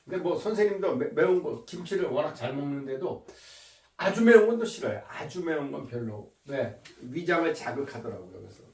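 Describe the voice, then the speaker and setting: A man teaching a lecture, often repeating words slowly to drill their pronunciation. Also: on the high side, very animated, darkish tone, reverberant, far from the mic. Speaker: English teacher.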